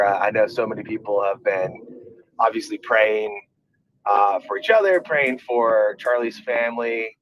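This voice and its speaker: A man's voice: on the low side, lo-fi sound. A man calling in from his car over the speakerphone, talking earnestly and rambling with many restarts. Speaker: caller, activist organization leader. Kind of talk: casual call-in remarks. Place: driving in a car.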